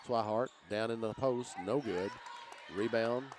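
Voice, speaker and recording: A man calls a basketball game in clipped, rapid phrases, his voice lifting as shots go in. His voice sits at an ordinary middle pitch. Crowd and ball noise from the gym are plain behind him. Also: steady tone. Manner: rapid terse play calls, rising when shots fall. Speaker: play-by-play announcer. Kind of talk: basketball play-by-play commentary.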